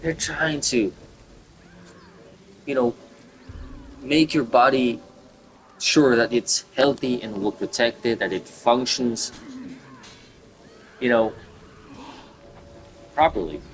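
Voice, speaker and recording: A man in his twenties talking in a casual, reflective monologue, rambling and halting with many fillers and restarts. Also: medium pitch, a little hiss or hum, poor audio. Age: 20s. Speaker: gaming video creator.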